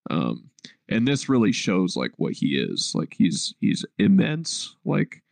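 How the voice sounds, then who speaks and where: A young man with a low, gravelly voice chatting casually on a podcast, close to a dry mic. He is laid-back, drops curse words freely and strings his thoughts together with fillers. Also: huge pitch swings, takes it slowly, dry recording. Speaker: podcast co-host. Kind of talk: casual chat.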